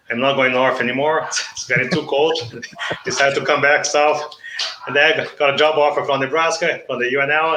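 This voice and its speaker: A middle-aged Brazilian man speaks English with a clear Brazilian Portuguese accent, talking like an economics professor who explains step by step and checks in with "okay?". His voice is bright and crisp. He sounds like he is in an echoey room. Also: medium pitch, a little hiss or hum. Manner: measured, frequent "okay?" check-ins and restarts. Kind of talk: explanatory interview talk.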